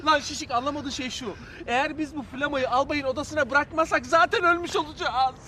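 A man's voice: very high voice, fairly even intonation, brisk, pushed and bright, a little hiss or hum. An actor playing a cheeky young male conscript in a TV sitcom, who slips into mock sports-commentator patter. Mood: coaxing. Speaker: soldier. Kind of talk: TV sitcom acting.

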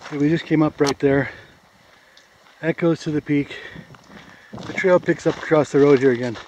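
A man's voice: a little high, steady tone, normal speed, darkish tone, slight background noise. Easygoing man narrating a hike outdoors. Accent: American. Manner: easygoing, plain, pointing out sights. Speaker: hiker filming a trail video. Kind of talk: casual trail narration. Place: outdoors on a forest trail. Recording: dull lo-fi camera audio.

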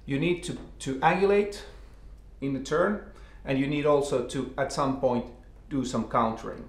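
A ski instructor in his forties explains things in a mid-range voice, halting often and repeating or rephrasing himself. He's indoors in a living room, and the recording has an echoey room sound.

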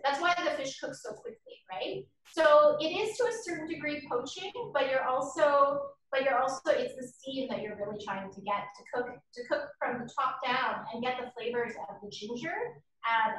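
High-voiced woman teaching from across a kitchen. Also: normal speed, hardly any pauses, a bit bright. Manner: chatty, explains with frequent ums and rightss. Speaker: cooking class host. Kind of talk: live online cooking demonstration. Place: home kitchen, indoors. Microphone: laptop camera mic across the kitchen. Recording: roomy kitchen echo from far off, faint noise.

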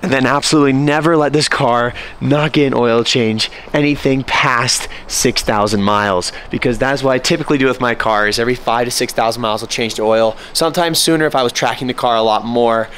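A man in his twenties with an American accent, chatting casually to camera in a raspy voice, hoarse from a lingering cold. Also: medium pitch, a little fast, hardly any pauses, fairly bright tone. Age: 20s. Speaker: car vlogger. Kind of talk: casual vlog chat to camera. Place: outdoors, in a car and in a large garage workshop. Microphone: handheld camera at arm's length. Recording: noisy vlog audio with car ambience.

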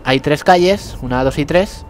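Game sounds and noise sit behind this young man's voice, which is a little high and moves at a moderate pace. As a gameplay commentator, he casually pokes fun at himself for playing badly, often bursting into laughter and yelping.

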